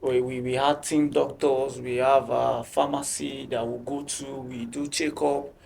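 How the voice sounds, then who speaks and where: A football team captain gives interview answers in a gravelly, creaky, slightly mellow voice of medium pitch that barely rises or falls. He speaks haltingly, stumbling over words and repeating them, with light noise under the recording.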